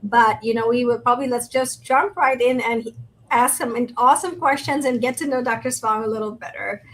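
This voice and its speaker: A woman from Thailand co-hosting an interview conversation, upbeat and warm, often saying "you know". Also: a little high, fairly quick. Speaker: podcast co-host. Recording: remote video call, faint background noise.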